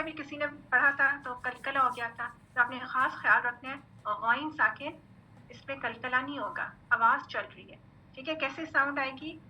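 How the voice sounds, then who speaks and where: A high, very bright-voiced woman leads a recitation lesson, patiently sounding out each letter and checking understanding. A faint hiss sits under her voice. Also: poor audio. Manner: patient, repeats "theek hai" often; drills letter sounds slowly. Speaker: Quran recitation teacher. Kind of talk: online tajweed lesson.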